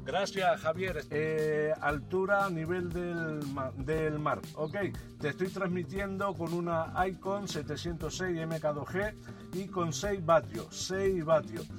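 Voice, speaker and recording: A man with a moderately high voice runs amateur radio contacts. He is courteous and formulaic, spelling call signs in phonetic words, with music clearly behind him. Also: slow pace. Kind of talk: ham radio calls with phonetic call signs and signal reports.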